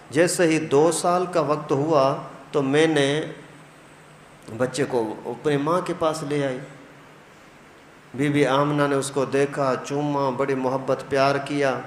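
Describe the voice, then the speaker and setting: Animated preacher in an echoing mosque hall. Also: male voice, on the high side. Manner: animated, acts out quoted dialogue. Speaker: preacher, mufti. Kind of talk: storytelling sermon. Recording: echoey mosque hall, faint noise.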